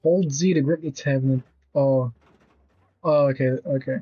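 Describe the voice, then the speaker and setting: A man's voice: mid-range voice, steady tone, moderate pace, slightly rough, lo-fi sound, faint music behind. A man in his twenties streaming a video game, talking casually with blunt, rambling commentary and casual swearing. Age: 20s.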